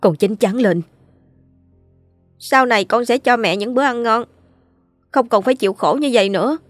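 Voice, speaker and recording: A woman voicing a poor, weary middle-aged mother who speaks softly and tenderly to her son. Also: on the high side, moderate pace, no room sound, soft background music, pitched above the performer's own voice, natural voice. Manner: soft, sniffling.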